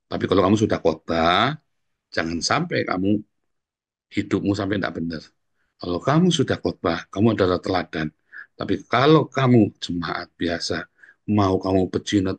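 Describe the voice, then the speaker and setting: A middle-aged man preaching a sermon as pastor, telling stories in a casual way and often turning to the congregation. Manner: storytelling, addresses congregation as "saudara", lively swings in pitch.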